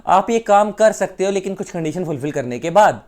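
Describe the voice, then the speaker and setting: एक भारतीय पुरुष शिक्षक, जो हिंदी और अंग्रेज़ी मिलाकर उदाहरणों के साथ कानून समझाता है।. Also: male voice, high voice, expressive, a little fast, darkish tone. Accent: Indian. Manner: explains with repeated examples, mixing Hindi and English. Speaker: law teacher. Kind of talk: explanatory lecture.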